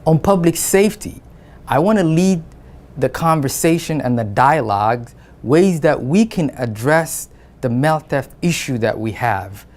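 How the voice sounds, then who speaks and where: A man's voice: fairly high pitch, lively intonation, a little slow, a little mellow. A man from Somalia, a city council candidate, giving an earnest campaign statement in plain phrasing with a few hesitant fillers.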